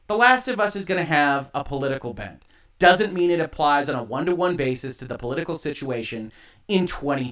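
A man hosting an online show, giving emphatic, argumentative opinion commentary in deliberate phrases, with echo on his livestream audio. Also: on the high side, a bit bright.

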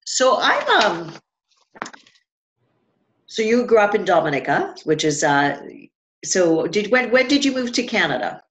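A woman's voice: medium pitch, sing-song, measured pace, pauses often. A woman from Trinidad and Tobago, hosting an interview in a chatty way, with many fillers and restarts. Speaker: podcast host. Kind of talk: casual interview chat.

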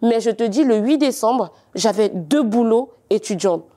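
Lively Cameroonian woman telling her story. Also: on the high side, normal speed. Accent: Cameroonian French, partly faded. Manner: lively storytelling, teasing, insistent. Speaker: guest. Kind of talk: casual interview talk.

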